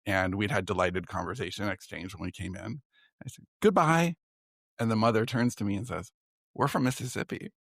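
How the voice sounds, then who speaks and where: A man's voice: low-pitched, steady tone, quick pace, creaky, a bit bright, no echo, clean studio sound. A man in his forties, a writer and podcast guest, telling a story in a loose, self-deprecating, chatty way. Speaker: guest, science fiction writer. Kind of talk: casual storytelling in conversation.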